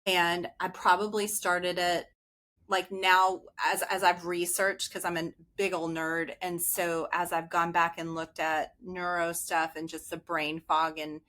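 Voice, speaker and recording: Chatty woman in her late forties, low-pitched. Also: little pitch movement, measured pace, pushed and bright. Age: 40s. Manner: rambling, chatty storytelling with many asides. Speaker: guest. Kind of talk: casual podcast chat.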